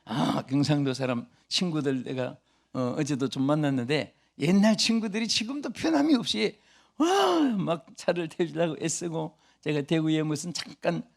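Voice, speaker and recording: An older male pastor delivers a revival sermon in a fairly high voice. He swings from booming, emphatic declarations to light, chatty asides aimed at his congregation. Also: sing-song, moderate pace, gravelly.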